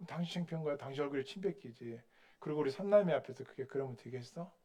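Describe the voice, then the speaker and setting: A man's voice: mid-range voice, lively intonation, fast talker, dark tone, close to an everyday voice. A male pastor quoting a middle-aged wife who firmly scolds her husband in a sermon. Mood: firm reproach.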